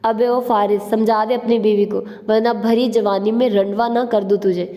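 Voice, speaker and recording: A woman's voice: medium pitch, flat delivery, normal speed, mellow, in a large hall, lightly acted. A woman reading the lines of a brash, joking young man in an audio novel, teasing and boastful. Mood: ranting.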